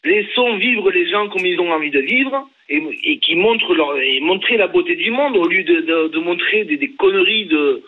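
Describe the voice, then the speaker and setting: A man's voice: high-pitched, animated, moderate pace, few pauses. A man from southern France with a southern French accent, calling in to a radio show and speaking with impassioned emphasis. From southern France, near Nîmes. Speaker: caller. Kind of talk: phone-in call. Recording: tinny phone line.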